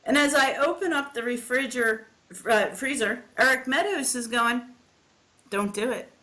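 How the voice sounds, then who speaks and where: A woman hosting a relaxed morning chat, her voice sitting a little high. She tells stories in a chatty, giggly way and often laughs between lines. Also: normal speed. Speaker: host. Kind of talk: casual chat.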